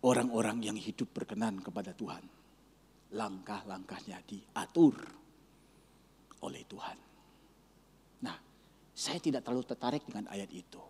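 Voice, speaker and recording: A male pastor preaching a sermon, telling a story and swinging between loud exclaiming and hushed near-whispers. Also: lowish voice, measured pace, long pauses, slightly rough. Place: church sanctuary. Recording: church hall reverb.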